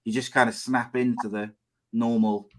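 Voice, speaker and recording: A man's voice: mid-range voice, little pitch movement, normal speed. A man with a Cardiff Welsh accent, chatting and bantering casually as host of a sports podcast. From Cardiff, Wales.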